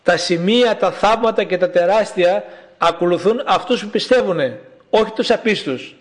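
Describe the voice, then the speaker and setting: A man preaching a sermon in a slow, emphatic way, repeating his calls. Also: high voice.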